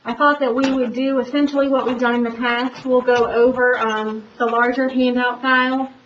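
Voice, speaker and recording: A woman's voice: fairly high pitch, level tone, normal speed. A woman speaking through a face mask, giving a formal report presentation as an auditor. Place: public board meeting room. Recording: echoey room, distant mic, dull, faint noise.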